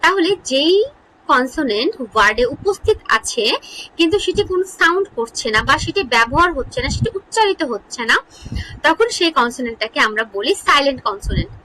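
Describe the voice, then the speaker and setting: A woman teaching an English grammar lesson in Bengali, asking questions and answering them herself, repeating example words slowly. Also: sits high, very animated, sharp tone, a little hiss or hum, low-quality recording. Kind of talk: online lesson explaining English spelling.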